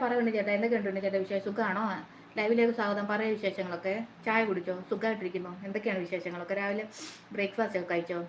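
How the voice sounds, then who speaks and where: A woman hosting a casual live stream, chatting and greeting her viewers by name one after another. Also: medium pitch. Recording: roomy echo, faint noise.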